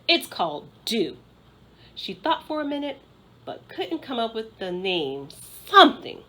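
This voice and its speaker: Reading a children's storybook aloud, a woman with a fairly high voice narrates expressively, much as a school principal might read to her pupils.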